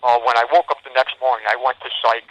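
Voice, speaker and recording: A man's voice: medium pitch, fairly even intonation, fast, fairly bright tone, dull audio. A man telling his own story hesitantly, with frequent fillers, over a prison payphone call. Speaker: incarcerated interviewee. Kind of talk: personal account in conversation.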